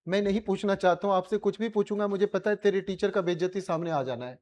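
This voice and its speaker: A man's voice: high voice, fast, a little mellow. Coaxing Indian physics teacher, man. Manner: colloquial, coaxing students with repeated questions. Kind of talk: classroom revision lecture.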